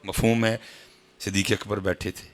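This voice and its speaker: A Pakistani man with a Punjabi accent preaching a sermon at a religious gathering, moving from quiet talk to high shouted exhortation. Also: level tone, normal speed. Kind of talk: impassioned sermon.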